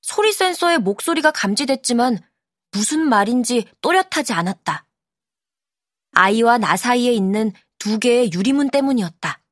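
Woman narrator, audiobook, calm measured reading, slightly high voice, dry close studio sound. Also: dry recording. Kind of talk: scripted narration.

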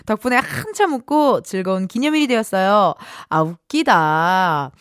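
A woman's voice: medium pitch, expressive, moderate pace, clear, resonant tone, no room sound. A young adult woman hosting a radio show in a studio, bubbly and playful, chatting and reading listener messages. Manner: bubbly, playful, reads listener texts with acted voices. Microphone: studio mic. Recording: dry studio sound with faint music behind.

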